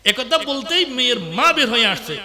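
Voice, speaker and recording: A preacher from Bangladesh with an extremely high, very sharp and piercing voice. He tells his sermon as a lively story, breaking into laughing bursts and shouts. The sound carries a long reverb, like a hall. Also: normal speed.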